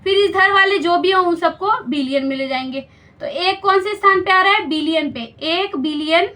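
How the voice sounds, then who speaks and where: A woman's voice: very high voice, moderate pace, bright, forceful tone. A woman teaching a school maths lesson step by step, patiently explaining and checking understanding with questions.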